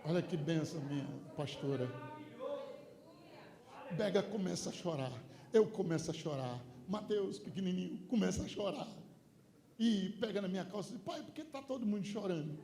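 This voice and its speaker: Brief: Brazilian male pastor, high voice, storytelling sermon that swells into shouting, roomy church sound. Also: lively intonation, normal speed, vocal fry. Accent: Brazilian Portuguese. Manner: swings from quiet storytelling to shouted preaching. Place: church hall. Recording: echoey church with faint ambience.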